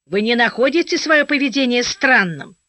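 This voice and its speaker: A woman reading an audiobook, voicing a burly, gruff male army officer who barks and then talks bluntly and kindly. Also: a little high, animated, a little slow, no echo. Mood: gruff irritation. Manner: barks, then softens into blunt fatherly talk. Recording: dry, slightly dull audio.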